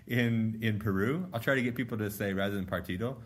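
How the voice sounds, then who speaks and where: A man's voice: lowish voice, big pitch swings, normal speed, breathy edge. A young man co-hosting a podcast, joking in a dry, playful way. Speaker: podcast co-host. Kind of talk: casual chat. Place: Peru.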